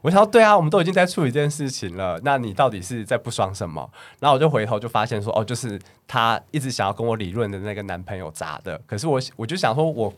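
Fast-talking man telling a bar story. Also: mid-range voice. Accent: Taiwanese Mandarin. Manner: animated storyteller acting out dialogue, bursts into laughter. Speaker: bar staff and podcast host. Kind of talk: casual storytelling chat.

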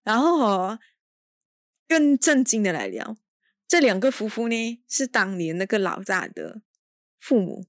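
A woman's voice: mid-range voice, big pitch swings, measured pace, long pauses, dry recording, clean studio sound. A woman hosting a casual film review podcast. She talks in an exasperated, sarcastic way and drops in English exclamations. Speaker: podcast host.

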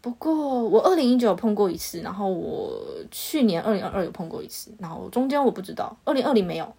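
Husky-voiced young woman, quick. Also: medium pitch, expressive, dark tone. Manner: chatty, agreeable back-and-forth. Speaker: podcast co-host. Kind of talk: casual chat.

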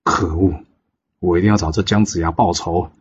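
A man's voice: deep voice, fairly even intonation, normal speed, slight background noise, lightly acted. Brief: angry immortal heroine read by a male narrator, dull lo-fi recording. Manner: angry, demanding. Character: fierce young immortal woman seeking revenge.

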